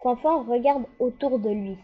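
A woman narrating a children's storybook with a gentle, expressive reading. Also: on the high side, normal speed, breathy edge. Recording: slightly dull lo-fi.

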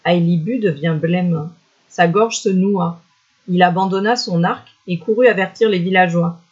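A storyteller reading a folk tale at an even, measured pace, with expressive phrasing. The voice sits mid-pitch. The recording is muffled and lo-fi. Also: husky.

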